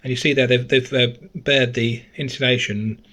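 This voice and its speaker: Seated at a desk indoors, a gadget reviewer chats through a teardown, recorded by his camera microphone. His mid-range voice moves at normal speed as he thinks out loud and corrects himself partway through sentences.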